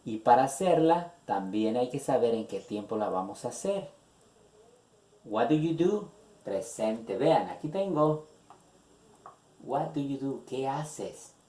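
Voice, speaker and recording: Man, english teacher, patient, repeats examples, mellow tone, roomy phone recording. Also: mid-range voice, big pitch swings, slow pace, long pauses. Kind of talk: classroom grammar lesson. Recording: echoey room on a phone.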